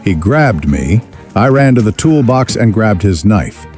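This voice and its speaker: A man playing a rueful young outlaw drifter, narrating his rough life in a wry, folksy drawl with a gravelly voice. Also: lowish voice, very animated, measured pace, darkish tone, faint music behind. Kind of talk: scripted first-person western narration.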